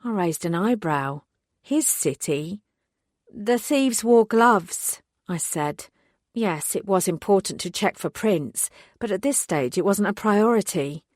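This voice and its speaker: A woman's voice: lowish voice, lively intonation, unhurried, a little mellow, no echo, clean studio sound. A woman reading a story aloud in first person, lightly acting out the dialogue. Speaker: audiobook narrator. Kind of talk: scripted narration.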